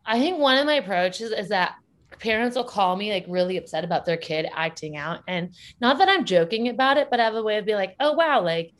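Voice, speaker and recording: A woman's voice: medium pitch, a little fast, a bit bright. A woman talking casually as an interview guest about her work with parents and children, upbeat and laughing often as she speaks. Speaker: guest, parenting educator and school founder.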